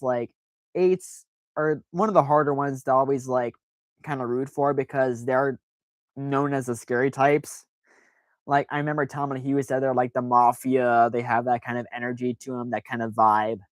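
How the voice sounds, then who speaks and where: A man's voice: medium pitch, steady tone, measured pace, long pauses, no room sound. Man, live stream host, rambling casual chat, self-deprecating, dry sound.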